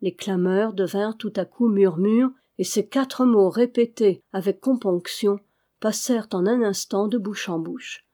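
Woman, audiobook narrator, measured, expressive, dark mellow timbre. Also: medium pitch. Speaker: audiobook reader. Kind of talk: novel narration.

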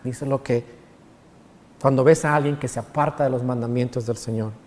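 A man's voice: mid-range voice, fairly even intonation, moderate pace, a little mellow, long reverb tail. A man preaching a sermon in as pastor, explaining scripture point by point. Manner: preaching with sung quotes of songs.

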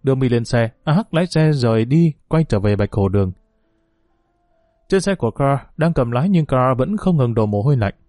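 Male audiobook narrator, steady and mellow, dry close recording. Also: medium pitch, normal speed, no echo, soft background music.

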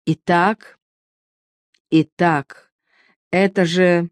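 Woman voicing a stubborn heavyset king, grim, insistent, shrill in anger, storybook reading, dry close sound. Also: steady tone, very slow, dry recording. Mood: sullen.

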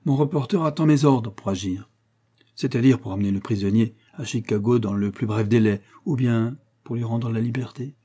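A man voicing a calm, mocking newspaper director in an audiobook, businesslike and unshakably composed. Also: mid-range voice, moderate pace, husky, natural voice. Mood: cool. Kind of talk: audiobook character reading.

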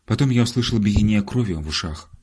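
A man's voice: fairly low pitch, expressive, fairly quick, mellow, breathy edge. A man voicing a pompous, self-important man who tells his tale theatrically in an audiobook. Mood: dramatic.

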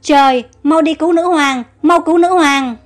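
A scheming court minister, voiced by a woman reader, frets and hurries his words along. The pitch is high. Soft music plays faintly behind. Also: natural voice. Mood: alarmed. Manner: hurried, fretful.

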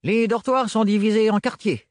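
A man's voice: high voice, steady tone, moderate pace, dry recording, clean studio sound, pitched above the performer's own voice, lightly acted. A man voicing a jovial, sly male servant with a chummy, teasing, slangy way of talking. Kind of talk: audiobook character voice.

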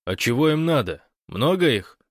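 A man's voice: mid-range voice, sing-song, normal speed, no echo, clean studio sound, pitched above the performer's own voice. A man voicing Gosh, a grumbling, sardonic young man who complains and snaps at his friends. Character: grumbling, envious young man stuck at a switchboard.

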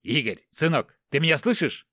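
A man's voice: fairly high pitch, lively intonation, normal speed, sharp tone, no echo, studio quality, voice pushed up. A man voicing a tough middle-aged father held captive, firm and reassuring.

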